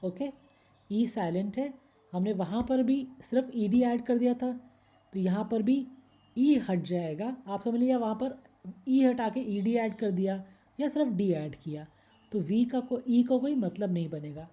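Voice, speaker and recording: A woman's voice: fairly high pitch, measured pace, mellow. A woman teaching English grammar in Hindi, patiently explaining rules step by step and reading out word examples. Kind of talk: slide-based Hindi grammar lesson.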